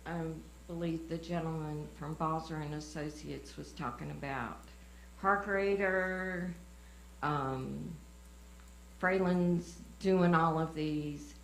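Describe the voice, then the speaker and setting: A woman with a Southern US accent and a slow drawl, speaking as a resident at a public meeting. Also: low voice, steady tone. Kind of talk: public comment at a civic meeting. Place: indoor public meeting room. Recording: echoey meeting room with faint mains hum.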